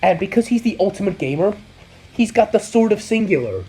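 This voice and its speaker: A man on a comedic storytelling vlog, swinging between excited yelps and mock-solemn mutters as he recounts an absurd saga. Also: high voice, fairly quick, soft background music, rough recording. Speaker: YouTuber.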